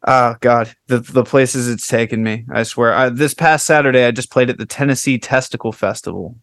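A man's voice: medium pitch, fairly even intonation, moderate pace, fairly bright tone, no echo, clean studio sound. A man hosting a podcast interview, joking and self-deprecating as he rambles through casual chat. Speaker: podcast host.

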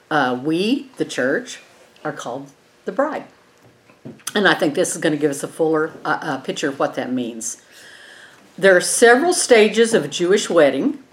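A woman with a twangy West Texas accent teaching an informal Bible lesson in a folksy way, often checking in with the group. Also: low-pitched. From eastern New Mexico and West Texas, USA.

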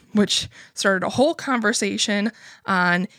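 Taking her time, a young adult podcast host rambles through a story, swearing freely and laughing often. She speaks at a medium pitch with a fairly bright tone. It's a dry, studio-quality recording.

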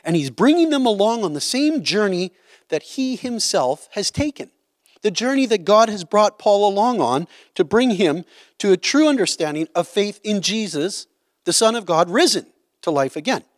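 A man's voice: high voice, very animated, normal speed, no room sound, clean studio sound. A man teaching a Bible study, explaining a passage in a conversational way and often checking in with "right?".

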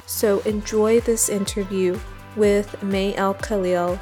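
A woman's voice: mid-range voice, fairly even intonation, slow pace, warm tone, faint music behind. A woman host introducing her guest in an upbeat, encouraging way and then asking her questions. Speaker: interviewer and host.

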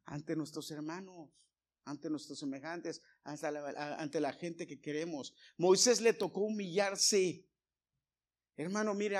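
A man preaching a sermon to his congregation, moving from loud, emphatic appeals to quiet, hushed storytelling. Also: a little high. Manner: addresses listeners as brothers.

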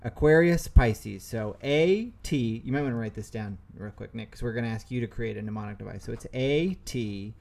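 A man co-hosting a casual comedy podcast, rambling with stumbles and restarts, and reading lists out slowly. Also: medium pitch, lively intonation, vocal fry, a little mellow. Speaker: podcast co-host.

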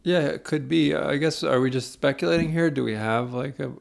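A man's voice: on the high side, a little fast, gravelly. A man co-hosting a podcast in casual chat, rambling from one tangent to the next. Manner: rambling, meandering storyteller. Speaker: podcast co-host.

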